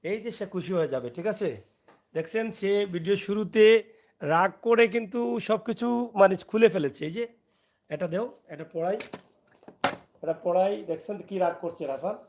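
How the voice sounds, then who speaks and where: A man's voice: sits high, moderate pace, a little mellow. A man who makes family vlogs. He coaxes and teases his young son, then turns to speak to his viewers. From Sylhet, Bangladesh. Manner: coaxing and teasing, talking to his child and to viewers in turn. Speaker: father and family vlogger. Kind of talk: casual family vlog.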